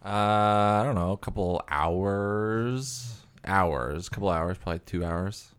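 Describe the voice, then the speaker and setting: Male caller, deep clean tone, informal and a little unsure in conversational delivery. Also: slow, smooth, dry recording, studio quality. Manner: awkward, hesitant. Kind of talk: casual banter and phone chat.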